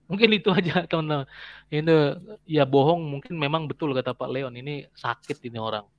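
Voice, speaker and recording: A man's voice: a little high, fairly quick, no room sound, lo-fi sound. A man co-hosting who comments casually and stops now and then to search for words.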